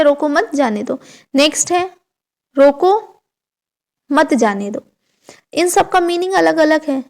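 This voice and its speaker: Gravelly high-voiced woman teaching grammar. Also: a little mellow. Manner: explains slowly with rhetorical questions, mixing English words. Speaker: exam prep teacher. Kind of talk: online Hindi grammar lesson.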